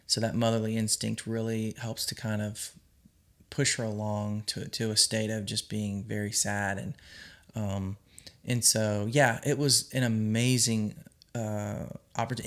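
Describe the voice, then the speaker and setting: A man's voice: on the low side, fairly bright tone. A man, a film director, talking casually to his viewers, rambling with frequent ums and restarts as he gives earnest advice. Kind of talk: casual vlog monologue.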